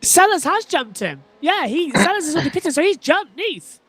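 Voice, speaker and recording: A co-commentator on a sim race, reacting quickly and lively to the action. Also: very high voice. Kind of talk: casual commentary chat.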